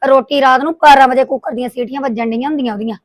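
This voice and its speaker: A woman playing a tailor with young children who feels wronged by her gossiping neighbors, complaining in a rapid, indignant way. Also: high voice, fairly even intonation, no room sound, close to an everyday voice. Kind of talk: domestic drama acting.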